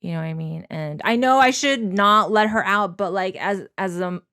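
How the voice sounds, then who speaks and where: A woman's voice: medium pitch, normal speed, gravelly, bright, forceful tone, dry recording, studio quality. A young woman telling a personal story casually and candidly as a co-host, with lots of informal filler words. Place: small bedroom, indoors. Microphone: handheld microphone.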